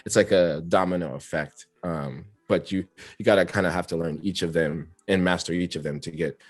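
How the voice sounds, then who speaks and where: A man's voice: sits low, steady tone, a little fast, no room sound. A man, a rapper, chatting as an interview guest, talkative and reflective and laughing often. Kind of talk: casual interview chat.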